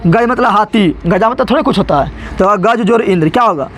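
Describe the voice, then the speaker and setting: A man's voice: sits high, brisk, fairly bright tone. A man teaching a grammar lesson to students. He keeps asking a question and then answering it himself, in casual, familiar Hindi. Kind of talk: classroom-style lesson with call-and-response questions.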